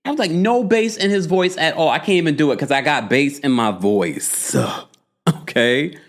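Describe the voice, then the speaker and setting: A man whose voice is a little high gives a casual live recap of a reality show in an animated, gossipy way, now and then turning to his chat with quick asides.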